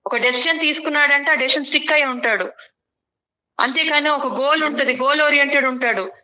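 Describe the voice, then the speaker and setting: A woman's voice: high-pitched, a little fast, pushed and bright, highs cut off. A woman guest on a counseling talk show who argues her side firmly and lectures the man beside her. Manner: firm, lecturing. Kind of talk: studio talk show dispute.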